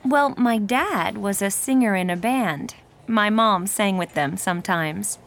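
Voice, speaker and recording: A woman's voice: medium pitch, unhurried, natural voice. An actress playing a cheerful young woman in her twenties who talks about her hometown and family in a textbook dialogue.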